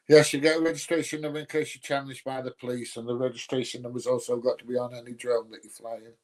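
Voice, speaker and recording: A man with a mid-range, slightly mellow voice, heard on a rough recording. He's a livestream host from Nottinghamshire, England, with an accent that leans close to Yorkshire. He chats casually with live viewers, answering their comments in a blunt, colloquial way full of grumbling dry humour.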